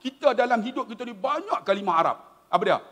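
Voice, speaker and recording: A middle-aged man with a Malaysian accent gives a lively religious lecture in a high, expressive voice, joking and turning to his listeners again and again. His voice rings through a large hall with a long reverb trailing after each phrase. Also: fast talker. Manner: animated, humorous, often addresses the audience directly. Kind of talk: lively religious talk to an audience.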